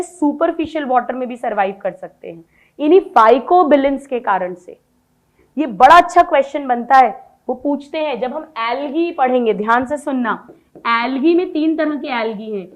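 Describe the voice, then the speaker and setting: A biology teacher with a high, bright voice keeps asking her class questions and immediately answering them herself. When dictating notes, she slows down and spells them out word by word.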